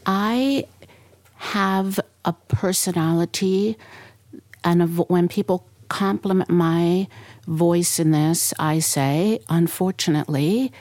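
A woman's voice: fairly low pitch, slow pace, darkish tone, no echo. A middle-aged woman, an author and former park ranger, answering interview questions with enthusiasm and explaining her ideas in short phrases.

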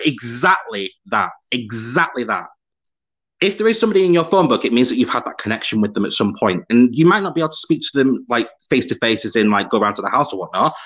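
The slightly dull, lo-fi audio carries a mid-range, somewhat bright male voice from the United Kingdom. He's hosting a podcast live, cheerfully chatting and laughing a lot over viewer comments.

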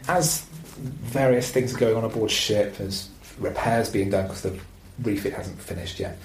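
A man with a lowish voice hosts a podcast, talking about a film at a moderate pace in a casual, rambling, animated way full of fillers. The audio is poor, with an echoey room and a little hiss or hum.

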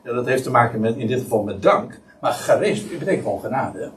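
Brisk and mid-range, this man's voice carries an emphatic, animated Bible-teaching sermon full of restarts. He's somewhat far from the microphone, and there's slight background noise.

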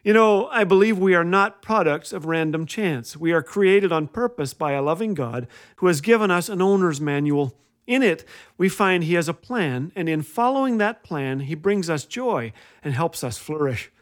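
A man with a slightly high, expressive voice, moving at a moderate pace, tells scripted comic stories as host of a humorous inspirational radio show. He's playful and wry, acting out the lines he quotes.

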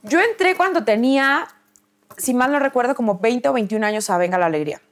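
A woman in her thirties with a Mexican accent, a guest telling a story in a dramatic, animated way in casual chat. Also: fairly high pitch, brisk.

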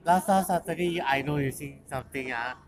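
A woman's voice: low-pitched, a little fast, noisy background. A Singaporean woman in casual, teasing banter, using Singlish particles and tag questions amid busy chatter.

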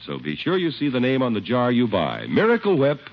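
A male announcer reads advertising copy and narration from a script, pitching hard like a 1950s radio salesman. He speaks fairly quickly in a medium-pitched voice with huge pitch swings, and the recording is muffled with faint noise.

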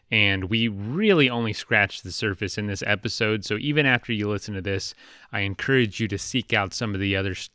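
A man hosting a podcast interview, speaking in a relaxed, rambling way with lots of fillers and restarts. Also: fairly low pitch, dry recording, studio quality. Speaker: podcast host. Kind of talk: casual interview chat.

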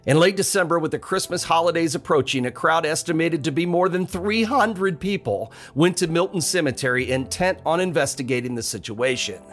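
A man's voice: a little high, animated, brisk, hardly any pauses, fairly bright tone, soft background music. Wry man narrating ghost stories. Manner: dramatic storytelling with wry, chuckling asides. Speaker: podcast host and storyteller. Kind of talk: scripted ghost-story narration.

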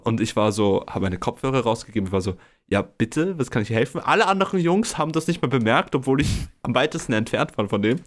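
A man's voice: mid-range voice, fast. A young man, co-hosting a podcast, telling a story casually and acting out the voices of other people with lots of laughter. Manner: animated, acts out quotes, laughs a lot. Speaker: podcast co-host.

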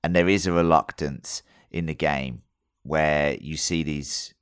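Very deep-voiced man in casual banter. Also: fairly even intonation, a little slow, clear, resonant tone, dry recording, studio quality. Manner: sweary, matey and jokey banter. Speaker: podcast co-host. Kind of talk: casual review chat.

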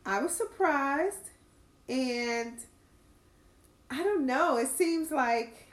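A woman's voice: high-pitched, expressive, very slow. A woman chatting casually as a podcast co-host, hesitant and thinking aloud with lots of fillers. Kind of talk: casual chat about a reality show. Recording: echoey room.

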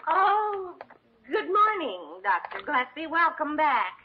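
A woman's voice: sits high, very animated, slow pace, exaggerated voice. An actress playing a chirpy, nervous female receptionist in 1950s radio drama style, heard a bit off-mic. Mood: fluttery. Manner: chirpy, fluttery. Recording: dull old radio broadcast, voice off-mic, faint hiss.

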